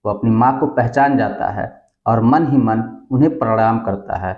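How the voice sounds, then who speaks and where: A man's voice: medium pitch, moderate pace. A man narrating a village story, addressing listeners as friends and lightly voicing the characters' lines. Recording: muffled, echoey room.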